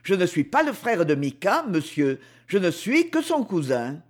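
A proud young man clips his answers short and bristles at every question, as a male audiobook reader voices him. His voice sits high for a man and swings widely in pitch, brusque and defensive in a storybook reading. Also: big pitch swings, measured pace, heavily acted. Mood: indignant. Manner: clipped, brusque replies.

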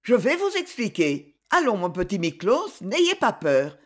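A woman voicing a kind young noblewoman who speaks softly but firmly. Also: mid-range voice, wildly swooping pitch, unhurried. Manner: soft, reassuring, resolute.

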